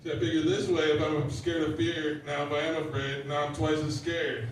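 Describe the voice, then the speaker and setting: Man, stand-up comic, deadpan one-liners, slightly high voice, very echoey room, distant mic. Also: normal speed, a little hiss or hum. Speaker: stand-up comedian. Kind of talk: stand-up set at an open mic. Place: lounge bar with a live audience.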